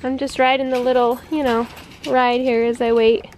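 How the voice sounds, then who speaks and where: This homestead vlogger, an American woman in her thirties, narrates casually into a handheld camera held at arm's length on a backyard farm. Her fairly high, level, slightly mellow voice moves at a moderate pace, and the recording is low quality with slight background noise. She chats away and laughs at herself a lot when things go wrong.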